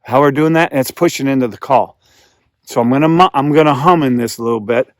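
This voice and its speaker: A man's voice: medium pitch, fast, no room sound, studio quality. A man giving a hands-on beginner tutorial as a calling instructor, explaining patiently and repeating himself as he demonstrates.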